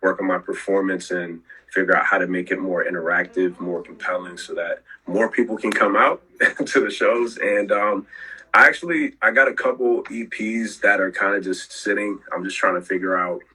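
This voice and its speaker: A young man, a rapper guest on a podcast, talking in a relaxed, laid-back way with fillers. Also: sits low, moderate pace, husky, rough recording. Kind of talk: casual interview chat.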